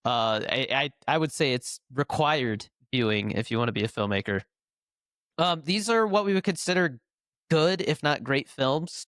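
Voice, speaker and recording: A man's voice: medium pitch, animated, normal speed, a bit bright, no room sound, studio quality. A man co-hosting a filmmaking podcast, nasal and congested from a cold, rambling through a casual chat with fillers and restarts. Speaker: podcast co-host.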